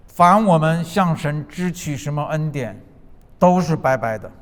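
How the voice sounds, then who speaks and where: A man's voice: animated, a little slow. Emphatic male preacher in a reverberant hall. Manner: emphatic preaching with rhythmic repetition; swings from loud declarations to soft, low asides. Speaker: pastor. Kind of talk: sermon. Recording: long reverb of a large hall.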